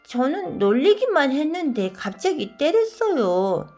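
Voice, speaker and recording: A woman's voice: high-pitched, big pitch swings, measured pace, a little mellow, faint music behind, voice pushed up, full character voice. Woman doing a small sheepish schoolchild. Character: young schoolchild, cheeky and sheepish. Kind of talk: children's storybook read-aloud.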